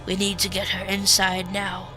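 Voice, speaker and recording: A woman's voice: mid-range voice, completely flat delivery, moderate pace, music in the background, close to an everyday voice, poor audio. Stern ranger man, leader, curt commands, read by a woman. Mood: urgent.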